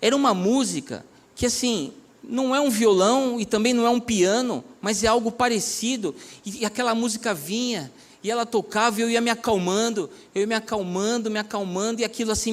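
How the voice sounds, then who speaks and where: A pastor with a fairly high voice tells his testimony. He speaks earnestly and conversationally. He often turns to his listeners and calls them "my brother". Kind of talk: personal testimony preaching.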